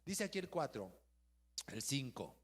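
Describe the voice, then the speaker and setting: A man with a Mexican accent, a pastor giving a lively sermon and asking the congregation questions. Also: mid-range voice, unhurried, breathy edge. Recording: long hall reverb.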